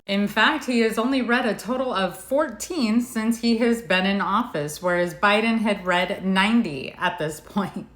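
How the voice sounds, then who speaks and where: A woman's voice: mid-range voice, a bit bright. An American woman giving casual satirical news commentary like a news anchor parody, wry, opinionated and conversational. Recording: echoey, roomy sound.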